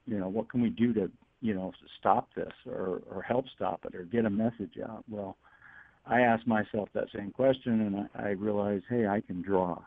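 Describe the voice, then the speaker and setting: A middle-aged man from Northern California, a guest cartoonist on a radio interview over the phone, who talks haltingly with many fillers and restarts. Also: fairly low pitch, fairly even intonation, no echo. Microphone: telephone. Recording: tinny phone line.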